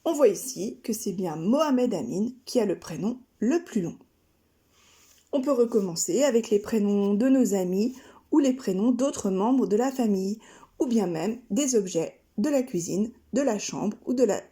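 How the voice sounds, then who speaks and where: A woman from France, a kindergarten teacher narrating a scripted lesson, speaking slowly and carefully articulating each syllable. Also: mid-range voice, animated, dark tone. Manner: slow, carefully articulated, splitting words into syllables.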